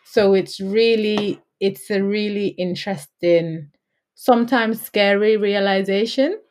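Speaking at a measured pace, this Gambian woman's medium-pitched voice sounds a little mellow, with slight background noise. As a podcast co-host in a casual chat, she laughs readily and quotes herself often. Her accent is London English with faint hints of Yorkshire.

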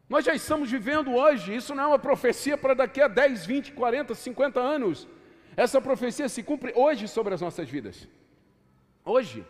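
A male pastor preaching a sermon, swinging between emphatic raised passages and quiet, low asides. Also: long reverb tail. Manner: preaching with emphatic rises and hushed drops. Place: church hall.

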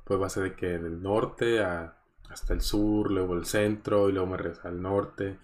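A man's voice: low-pitched, steady tone, normal speed, darkish tone. A man from Mexico with a Mexican Spanish accent, hosting a casual solo podcast, rambling and chatty with many fillers and chuckles. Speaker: podcast host.

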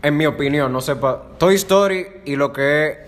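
A young man with a Dominican accent speaks in a slightly high voice. He gives opinions in casual slang, emphatically, repeating words to press his point. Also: normal speed. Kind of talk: casual group chat.

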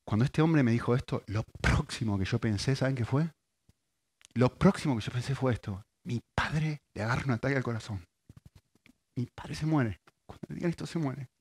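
A man with an Argentine accent preaching a sermon, alternating loud, emphatic repetition with quiet storytelling. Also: mid-range voice, moderate pace, husky. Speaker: pastor.

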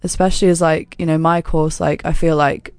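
A woman's voice: low-pitched, flat delivery, a little fast, a little mellow, clean tone, no room sound. A young woman co-hosting a casual podcast, chatting loosely with lots of "like" and the odd swear. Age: young adult. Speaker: podcast co-host. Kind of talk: casual chat.

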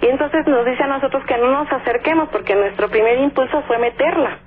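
A woman's voice: high-pitched, fairly quick. Mexican woman storyteller on a tinny phone line. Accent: Mexican Spanish. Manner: lively storyteller who acts out her parents' lines, frequent "este" fillers. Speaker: radio caller. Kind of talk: telling a ghost story on a call-in show.

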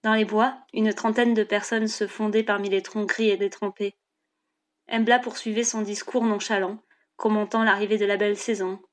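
A woman narrating an audiobook chapter in a steady, measured reading. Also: mid-range voice.

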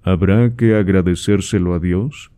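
A man reading aloud and voicing a proud, reserved young gentleman who answers his father formally and dryly. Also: deep voice, a little slow, clear, resonant tone. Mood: indignant. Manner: dry, formal replies.

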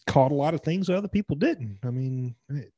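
A man's voice: a little high, lively intonation, brisk, dark tone, no echo. A man with a Southern accent, co-hosting a podcast in casual chat, often trailing off mid-thought. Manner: rambling, trailing off. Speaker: podcast co-host.

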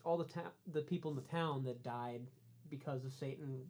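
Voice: medium pitch, normal speed, darkish tone, a little hiss or hum. Laid-back rambling podcast co-host. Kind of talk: casual chat reviewing a movie.

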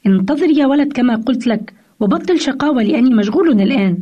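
A tired father snaps impatiently at his small son, as a woman reads his lines aloud. The voice is a little husky and sits fairly high. It comes through a dull, lo-fi radio recording. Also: expressive, fast. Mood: irritated. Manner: sharp, impatient scolding.

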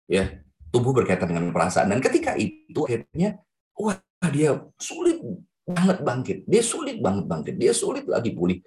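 A man delivers a lively sermon and tells stories to his congregation. His voice sits at an ordinary pitch and swings up high when he gets excited. Then it drops to soft, quiet tones. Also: normal speed. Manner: animated storytelling, addresses congregation directly. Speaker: evangelist preacher.

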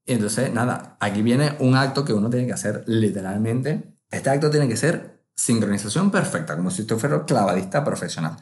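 A man spins a comic travel tale with lively energy. He punctuates it with sound effects and acts out his own inner voices. His mid-range voice carries a roomy echo. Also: mid-range voice, a little fast, hardly any pauses. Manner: animated, vivid, full of sound effects and acted-out inner voices. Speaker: travel vlogger.

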